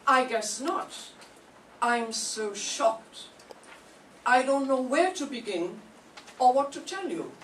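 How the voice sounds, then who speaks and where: An older woman playing a genteel, fretful housewife in an old radio mystery, theatrical and halting. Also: sits high, lively intonation. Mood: shocked. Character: genteel housewife hostess, fretful, suddenly widowed. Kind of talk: 1940s radio mystery acting. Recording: roomy, distant mic, faint noise.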